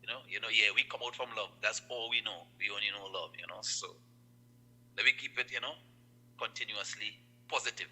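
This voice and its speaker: A man's voice: lowish voice, a little fast, husky, low-quality recording. A Trinidadian man, a guest on an online chat, talks casually and earnestly about love and staying positive, repeating his phrases. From Trinidad and Tobago. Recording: loud music behind.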